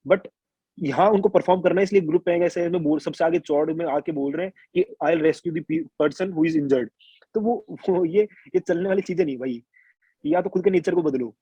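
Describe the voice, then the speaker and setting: The speaker is a young adult Indian man whose voice is high-pitched, warm and breathy, moving fairly quickly. As an interviewee, he shares his exam experiences in casual, colloquial storytelling packed with restarts and quoted asides. The audio is muffled, with no room sound.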